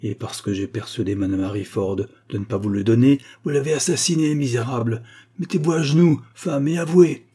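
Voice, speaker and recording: A man's voice: lowish voice, fairly even intonation, a little fast, hardly any pauses, warm tone, breathy edge. A man voicing a sour, self-righteous elderly spinster who hectors and accuses. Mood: accusing.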